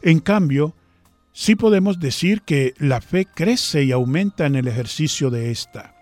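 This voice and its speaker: A man's voice: on the high side, unhurried. Male radio preacher, formal and prayerful, faint music bed. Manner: formal, steady, prayerful delivery. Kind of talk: sermon-style reflection on radio.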